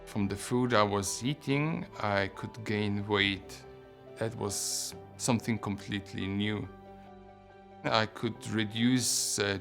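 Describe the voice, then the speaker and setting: A middle-aged man with a Swiss German accent giving a personal testimonial in deliberate, non-native English, phrase by phrase. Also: fairly low pitch, vocal fry, fairly bright tone. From Switzerland. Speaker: patient telling his story.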